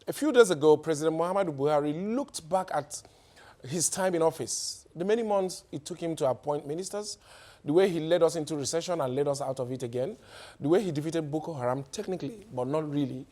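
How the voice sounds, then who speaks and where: A man's voice: fairly high pitch, darkish tone. A man with a Nigerian accent hosting a satirical news show, delivering headlines with wry jokes and laughing at his own punchlines.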